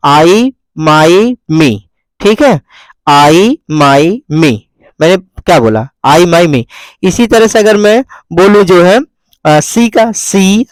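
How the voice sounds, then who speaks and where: A man teaching English from a newspaper, often asking and answering his own questions and reading English lines very slowly. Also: high voice, no room sound, poor audio.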